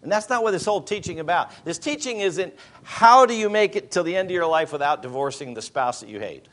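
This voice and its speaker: A man's voice: a little high, expressive, a little fast, fairly bright tone. Man in his fifties preaching emphatically. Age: 50s. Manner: emphatic preaching with rhetorical questions. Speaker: pastor. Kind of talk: sermon.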